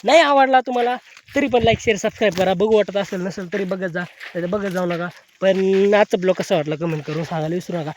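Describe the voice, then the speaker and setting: High-voiced man with a cold. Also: fast talker, a little hiss or hum. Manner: chatty, rambling, repeats himself. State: has a cold. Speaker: vlogger. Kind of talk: casual farm vlog chat. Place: outdoors in a farm field.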